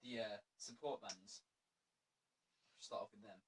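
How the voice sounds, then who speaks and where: A man joins a casual chat as co-host, quiet and joking with a chuckle. He sits away from the microphone, so he sounds distant. A faint hiss runs under his voice. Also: on the low side, fairly even intonation, a little slow.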